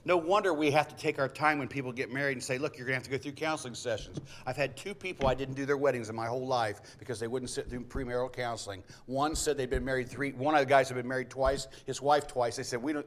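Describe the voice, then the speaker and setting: A middle-aged man preaching in a folksy, storytelling way. His voice sits at a mid pitch, and he slips in jokey asides between points. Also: steady tone, quick pace. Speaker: pastor. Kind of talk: sermon.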